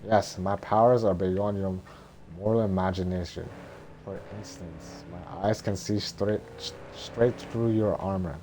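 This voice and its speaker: Man reading as Mushu, a boastful, slow-talking little dragon. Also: deep voice, steady tone, dark tone, low-quality recording. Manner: blustering, stumbling script reading. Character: boastful bossy little male dragon guardian. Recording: noticeable background noise.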